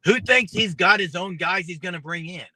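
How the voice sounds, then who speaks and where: High, very sharp-voiced man co-hosting. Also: moderate pace, no room sound, low-quality recording. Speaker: sports show co-host.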